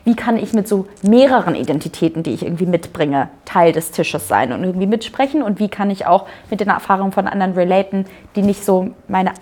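A woman's voice: mid-range voice, fairly quick, hardly any pauses, a little mellow. Thoughtful young woman panelist. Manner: casual, thoughtful, with many fillers. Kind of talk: live panel talk.

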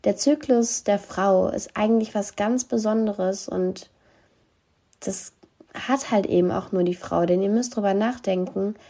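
A woman's voice: medium pitch, unhurried, dark tone. A woman hosting a show, chatting casually and candidly to listeners in a slangy way with English phrases mixed in.

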